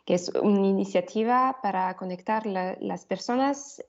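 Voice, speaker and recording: A woman presenting slides in halting non-native Spanish with an Italian-influenced accent, often searching for words, over dull online-call audio. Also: mid-range voice, a little mellow. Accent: foreign, Italian-influenced. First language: not Spanish. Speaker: panelist, energy justice advocate.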